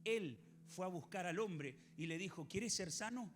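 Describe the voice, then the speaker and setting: An Argentine man preaches from the pulpit with a high, lively voice that leaps up and down as he quizzes his congregation. His tone is bright and forceful, and soft music plays behind him. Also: moderate pace. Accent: Argentine Spanish. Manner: animated, questions the congregation, acts out biblical voices. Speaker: pastor. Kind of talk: sermon.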